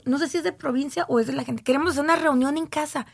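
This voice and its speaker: A woman's voice: sits high, fast talker, gravelly. A woman with a Mexican accent, co-hosting a podcast in casual chat, affectionate and often asking questions. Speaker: podcast co-host.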